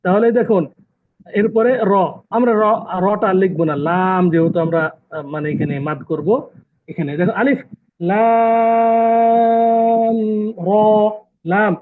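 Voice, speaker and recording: Speaking at normal speed in a high-pitched voice, a man runs an online lesson on Quran recitation rules, quizzing students and patiently going over terms again. It comes through as tinny, phone-like call audio.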